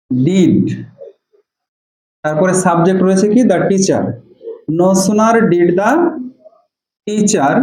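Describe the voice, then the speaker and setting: A man teaching English grammar, explaining step by step, dictating example sentences slowly and asking questions he then answers himself. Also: high-pitched, darkish tone, reverberant, rough recording. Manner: slow and deliberate when dictating sentences, asks and answers his own questions. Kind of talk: classroom-style lesson, explaining step by step.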